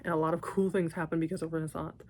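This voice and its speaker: Chatty Southern woman vlogging, slightly low. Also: rapid-fire. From Texas, United States. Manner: chatty and animated, with asides and laughs. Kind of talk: casual chat to camera.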